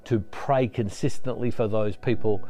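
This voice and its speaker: Earnest male ministry host, mellow voice. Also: fairly low pitch, steady tone, moderate pace. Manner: earnest, repeats words as he restarts phrases. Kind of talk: devotional talk and spoken prayer. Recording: soft music underneath.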